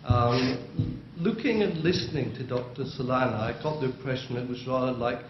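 A man's voice: mid-range voice, normal speed, slight background noise. A man in the audience of a debate putting a long, articulate question to the panel with dry irony. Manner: articulate, dryly ironic. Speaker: audience member asking a question. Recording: dull, roomy hall recording.

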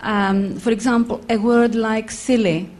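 A woman in the audience asking a question, hesitant and full of pauses and fillers. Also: a little high, steady tone, darkish tone. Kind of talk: question from the floor.

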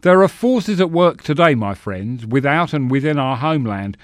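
A man's voice: medium pitch, animated, normal speed, dry recording, voice pushed up, lightly acted. Bigoted halfling senator, read by a man, bombastic, declaiming, dry sound. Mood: orating. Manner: bombastic, declaiming filibuster speech. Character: bigoted blustering halfling senator, old-style orator.

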